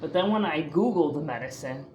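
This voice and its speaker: A woman's voice: low voice, animated, a little fast, warm tone, soft background music. A woman from the northeastern US talking casually to her camera in a chatty, rambling way, full of fillers and restarts. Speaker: vlogger.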